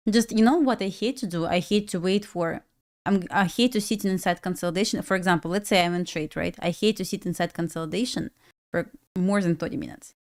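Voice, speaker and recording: A young woman from Belarus, a native Russian speaker with a Russian accent, day trades on a live stream while chatting casually. She laughs often and talks to herself, speaking briskly in a fairly low voice with a darkish tone.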